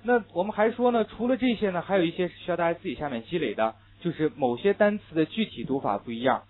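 A man's voice: high voice, animated, fast. A Chinese-speaking man teaching English pronunciation in a lecture, asking questions and answering them himself. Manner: drills pronunciation, asks and answers own questions. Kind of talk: classroom lecture. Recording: tinny phone-like lecture recording.

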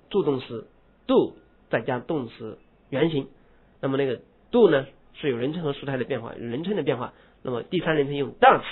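A man's voice: mid-range voice, slightly rough. A man teaching English grammar to a class, explaining step by step and stressing key words. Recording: tinny phone-like classroom recording.

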